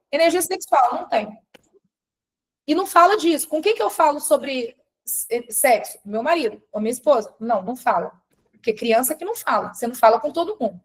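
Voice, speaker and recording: High-voiced animated woman coaching a live. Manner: animated, addresses viewers by name. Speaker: relationship coach. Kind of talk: live-stream teaching talk.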